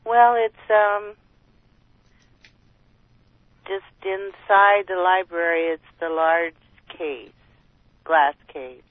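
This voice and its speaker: Slow-talking woman calling in by phone. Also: fairly low pitch, fairly even intonation, no room sound. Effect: phone line. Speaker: radio show caller. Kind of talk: casual call-in chat. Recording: tinny phone line, dry.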